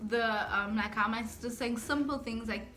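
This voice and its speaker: A woman's voice: on the high side, moderate pace, bright, forceful tone, soft background music. A young woman with a South African accent, telling stories casually as a vlogger. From South Africa, Johannesburg then Durban. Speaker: YouTube vlogger. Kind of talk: casual chatty storytelling.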